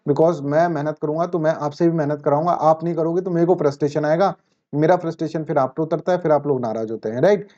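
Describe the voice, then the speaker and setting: Man, exam coach, mellow and talky, lo-fi recording. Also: fairly high pitch, fairly even intonation, fast. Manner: chatty, asks and answers his own questions. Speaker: current affairs teacher. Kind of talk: exam-prep lecture. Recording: dull lo-fi sound.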